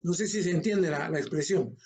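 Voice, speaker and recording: An older man, a homiletics professor, teaching an online class in a calm, conversational way, speaking from a short distance to a laptop mic. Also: fairly high pitch, a little fast, a little hiss or hum.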